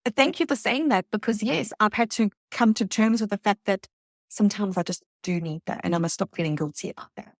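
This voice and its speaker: A middle-aged woman from South Africa, a guest telling her story in an earnest, reflective way, halting at times. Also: medium pitch, dry recording, clean studio sound. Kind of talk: emotional personal interview.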